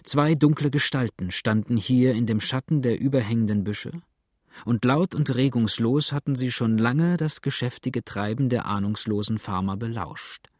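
A man reading a story aloud as an audiobook narrator, steady and measured. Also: medium pitch, no echo, studio quality. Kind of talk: scripted narration.

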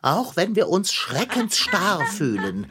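A woman's voice: on the low side, huge pitch swings, takes it slowly, background noise. A woman leading a children's audio play, urging her friends on in a theatrical, urgent manner. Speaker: narrator and lead character.

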